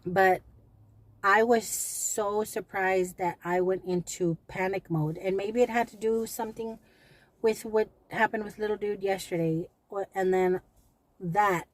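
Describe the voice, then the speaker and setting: A woman's voice: medium pitch, fairly even intonation, unhurried, no echo. A middle-aged woman venting in a personal vlog, anxious and rambling, often repeating herself. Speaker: vlogger. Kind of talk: emotional personal vlog rant.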